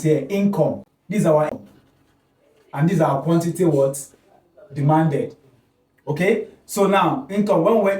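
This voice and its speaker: At the board, a man with a slightly high, mellow voice lectures an economics class. He keeps posing questions, answering them himself, and checking in with "okay?", heard from afar in an echoey room.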